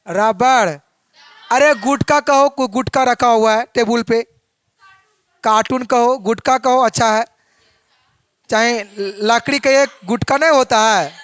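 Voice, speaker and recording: High-voiced man teaching a physics lesson. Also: fairly bright tone, clear, resonant tone, no echo. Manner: asks questions and answers them himself.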